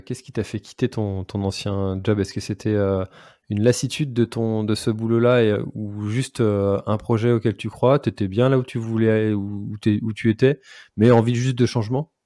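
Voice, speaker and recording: A man hosting a casual podcast interview, asking questions haltingly with many fillers. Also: lowish voice, fairly even intonation, mellow, no echo, studio quality. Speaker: podcast host.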